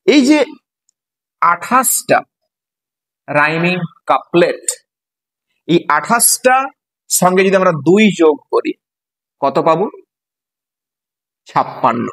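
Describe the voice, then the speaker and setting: Male teacher, Bengali accent, husky and slightly high voice, patient classroom explainer who spells terms out. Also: fairly bright tone, rough recording. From West Bengal. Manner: spells words letter by letter, asks students questions. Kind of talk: explaining a poem to students.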